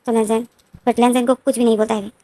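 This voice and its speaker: A woman narrates a fan story in a casual, conversational way. She often restarts and repeats phrases, and her voice sits a little high. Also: level tone, fast, warm tone. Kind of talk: casual fanfiction retelling.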